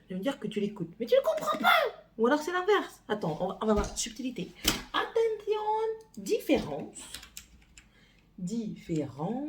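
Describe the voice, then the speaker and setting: A mother chatting casually in a home vlog, rambling and hesitant, with lots of pauses as she talks. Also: on the high side, darkish tone, slight background noise.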